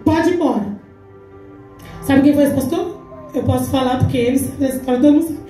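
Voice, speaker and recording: A forties-aged Brazilian deaconess talks fast in a high, warm voice with fairly even intonation, giving an emphatic testimony at a church women's congress and dramatizing the exchanges she relates. Her accent is Brazilian Portuguese, and the distant recording in a big church hall is echoey, with faint music.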